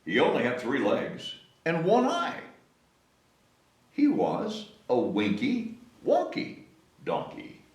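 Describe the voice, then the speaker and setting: Slow and pausing often, this story time host reads to children at a medium pitch that swoops wildly. He draws out words playfully, coaxing listeners to join in, and the distant microphone gives the room an echo.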